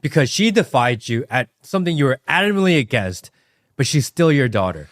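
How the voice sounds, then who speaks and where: A man hosting a podcast, making a reflective, gently challenging point to his guest. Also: mid-range voice, big pitch swings, brisk. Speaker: podcast host. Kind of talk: podcast conversation.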